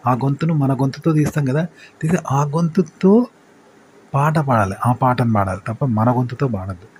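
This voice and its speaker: A man talks through singing tricks in an unhurried, conversational lesson, returning again and again to simple everyday comparisons. His voice sits at a middle pitch, with a faint layer of background noise under the recording. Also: darkish tone. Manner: explains with everyday examples, repeats points. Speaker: singing teacher. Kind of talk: casual spoken lesson on singing.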